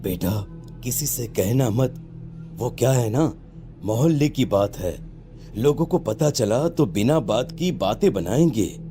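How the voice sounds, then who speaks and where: A man voicing a secretive neighbourhood man in a cartoon, confiding rumours in a hushed way. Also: mid-range voice, animated, measured pace, soft background music, close to an everyday voice.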